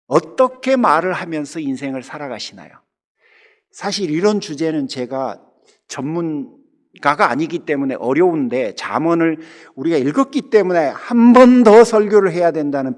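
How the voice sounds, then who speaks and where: A middle-aged man from the Jeolla region of Korea delivers a Sunday sermon in a church. He sits a little high for a man and rides a very animated pitch line. He talks to the congregation directly and loosens them up with jokes. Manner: humorous, conversational preaching that keeps addressing the congregation. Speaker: pastor. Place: church sanctuary.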